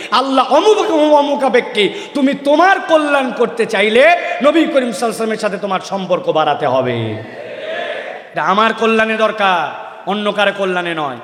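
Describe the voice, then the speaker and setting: A high-pitched man preaches a sermon to a large gathering. He speaks with passion and rises to shouts at times. His voice rings through a roomy space with a long reverb. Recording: echoey hall, long reverb.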